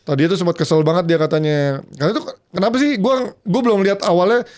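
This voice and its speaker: Guy podcasting, swears a lot, pretty high voice. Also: quick pace, a little mellow. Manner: swears casually, short reactive interjections. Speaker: podcast co-host. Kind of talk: casual chat.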